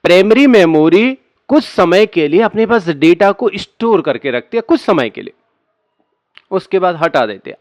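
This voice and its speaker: A man's voice: high voice, dry recording. A man teaching a computer lesson to students, talking casually and asking and answering his own questions. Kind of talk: screen-recorded computer lesson.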